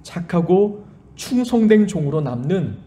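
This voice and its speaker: A man's voice: high voice, big pitch swings, unhurried, dark tone. A middle-aged man preaching a sermon as a pastor, earnest and emphatic, with a mild lisp that makes his s sounds slushy. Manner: earnest exhortation with personal anecdotes, emphatic rises and falling sentence endings.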